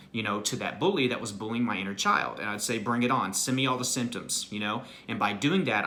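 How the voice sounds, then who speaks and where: A man's voice: fairly low pitch, pushed and bright. A man speaking as an anxiety recovery coach, giving an earnest, motivational self-help talk and often checking in with "right?" and "you know".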